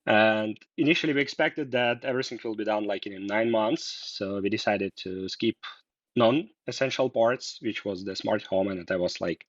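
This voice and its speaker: A man's voice: fairly low pitch, normal speed, dry recording. Hesitant man, dull sound. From Russia. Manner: hesitant, many uh fillers and restarts. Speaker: guest. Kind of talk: casual interview chat.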